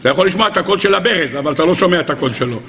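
A man's voice: a little high, expressive, fairly bright tone, a little hiss or hum. A man giving a Torah sermon, asking rhetorical questions in a sing-song way and acting out the voices he quotes. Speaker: rabbi teaching a Torah lesson.

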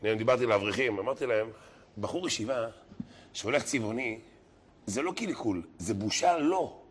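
A man preaching as a rabbi, giving a sermon full of humorous anecdotes and acting out the people he quotes. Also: mid-range voice. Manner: animated storyteller who acts out quoted people.

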